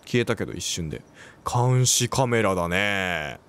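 A man's voice: fairly low pitch, lively intonation, a little slow, a bit bright, smooth. A man giving let's play commentary on a game, reacting, quipping and talking to himself as he plays. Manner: reactive, talks to himself, quips and exclaims.

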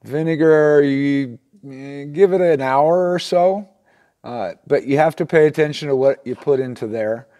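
Working at a workbench inside a small wooden shop, this middle-aged how-to video instructor casually explains a repair one step at a time. He talks in a folksy, plain-spoken way, his voice fairly high and dark in tone, his pace measured.

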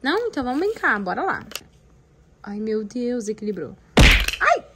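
Heavy background noise surrounds a young vlogger mother as she chats to viewers in a voice on the high side, at a moderate pace. She's filming her family indoors at home with a phone camera, keeping things lively.

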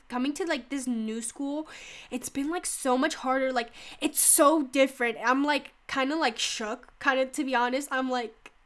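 A high-pitched, slightly bright voice belongs to a teen girl who makes gaming videos on YouTube. Stuffed up from a cold, she rambles casually during gameplay, saying "like" a lot and yelping and laughing along the way.

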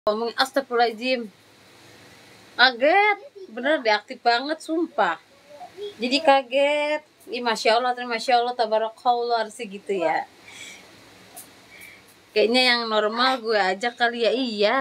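A young woman, eight months pregnant, chatting casually in a vlog, slangy and quick to exclaim in surprise. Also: a little high, a bit bright. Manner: chatty, slangy, with frequent startled religious exclamations. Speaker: vlogger. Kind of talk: casual chat.

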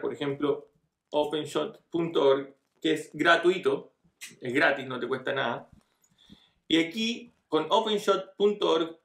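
A middle-aged man who tutors online marketing walks viewers through a computer task step by step, casually and with frequent "¿cierto?" checks. He's captured by a desk webcam in a small, echoey room, his fairly high voice showing vocal fry and a fairly bright tone.

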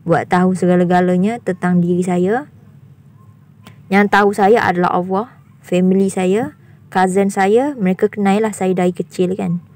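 A young woman with a raspy, husky voice, talking indignantly to her viewers in a vlog and repeating her points firmly. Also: mid-range voice, fairly even intonation, normal speed, darkish tone. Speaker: YouTuber.

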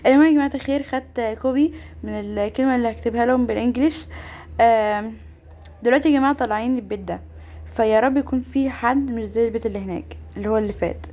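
A young woman, giving an excitable game voice-over commentary and exclaiming often. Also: on the high side, very fast, lo-fi sound. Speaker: gaming YouTuber. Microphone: home microphone voice-over.

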